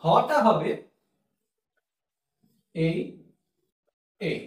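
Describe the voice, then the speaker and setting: A man teaching as a language teacher, patiently explaining and repeating each letter slowly. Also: high-pitched, expressive. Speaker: Sanskrit teacher. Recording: very echoey room, mic far off.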